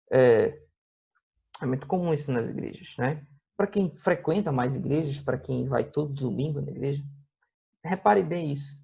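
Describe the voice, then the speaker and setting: Gravelly Brazilian male music teacher. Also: fairly high pitch, darkish tone. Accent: Brazilian Portuguese. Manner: explains slowly with many tag questions, plays guitar and sings examples. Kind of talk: classroom video lesson. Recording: dull lo-fi recording with faint guitar.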